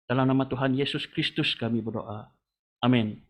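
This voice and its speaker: A man's voice: medium pitch, steady tone, moderate pace. A man leading a congregation in a long spoken prayer, calling on the Lord after nearly every phrase. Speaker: prayer leader. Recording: tinny phone-like line.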